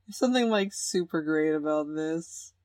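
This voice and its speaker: A woman's voice: deep voice, a little mellow, no echo. A young woman playing a romance game, reading the story aloud and joking in slang. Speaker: let's play host. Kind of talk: game let's play, narration with commentary.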